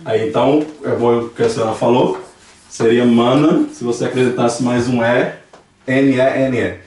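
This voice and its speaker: The speaker is a man with a Brazilian Portuguese accent whose medium-pitched, darkish voice keeps a fairly even intonation at normal speed. He's running a classroom language lesson in a church, patiently explaining things and repeating examples out loud. Sound reverberates in the room, and the mic is set far away.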